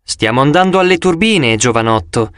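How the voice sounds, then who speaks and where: A man's voice: medium pitch, lively intonation, moderate pace, fairly bright tone, smooth, dry recording, clean studio sound, natural voice. A man voicing a cheerful, slightly mysterious female park ranger leading a tour in an audiobook. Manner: chirpy, announcing to a group. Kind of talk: audiobook character voice.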